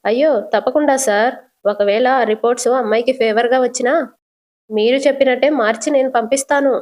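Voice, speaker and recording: A woman's voice: fairly high pitch, steady tone, a little fast, a little mellow, lightly acted. A woman reading a fawning, corrupt doctor. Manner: fawning, reassuring. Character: corrupt obliging male doctor.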